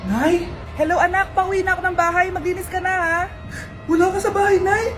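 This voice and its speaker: High-voiced woman acting out comedy skits. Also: steady tone. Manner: quick switches between characters, playful. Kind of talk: comedy skits playing every role. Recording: music behind the voice.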